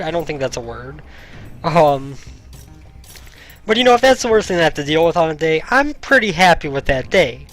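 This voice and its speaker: A young gaming YouTuber with a voice on the high side gives casual let's-play commentary, thinking aloud with many ums as his voice gets slightly hoarse. He records indoors in a home room on a headset mic, with faint game music in the background.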